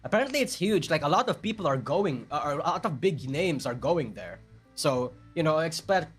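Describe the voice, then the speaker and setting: A man's voice: fairly high pitch, very animated, moderate pace, slightly rough, faint music behind. A man with a Filipino accent chatting casually on a live stream, rambling and self-deprecating as he answers his chat. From Philippines.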